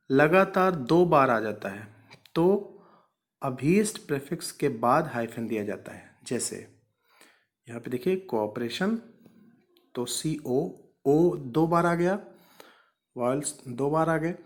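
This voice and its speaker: A man teaching English punctuation, patiently repeating each rule and asking rhetorical questions. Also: a little high. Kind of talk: explaining grammar lesson.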